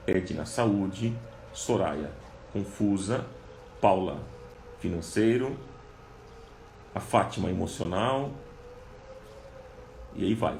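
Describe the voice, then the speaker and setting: A man's voice: sits low, gravelly, a little mellow, roomy sound, slight background noise. A man preaching a live-streamed sermon, reading viewers' comments aloud and then reading scripture with rising emphasis.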